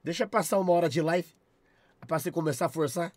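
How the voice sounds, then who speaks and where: A young man with a Brazilian accent, chatting on a live stream, loud and profane, shouting thanks at his chat. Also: fairly high pitch, fast, no echo. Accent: Brazilian Portuguese.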